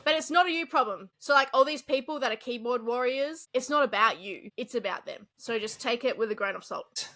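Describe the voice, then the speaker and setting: Woman, podcast co-host, casual chat, animated, bright voice. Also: fairly high pitch, brisk, few pauses. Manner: chatty, animated, laughs often.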